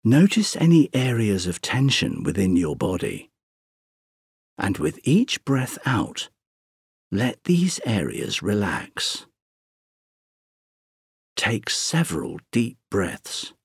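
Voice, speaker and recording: A man with a low, gravelly, slightly husky voice guides a sleep meditation at an extremely slow pace, counting breaths with long pauses. His pitch rises and falls widely across each soothing phrase. The recording is close and dry. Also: darkish tone, dry recording.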